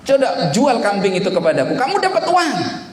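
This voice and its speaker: A man's voice: high voice, wildly swooping pitch, normal speed, voice pushed up. A preacher voicing a persuasive man who coaxes a slave to sell a goat in secret. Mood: tempting. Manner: coaxing, tempting. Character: persuasive male companion testing a slave. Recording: echoey room with faint noise.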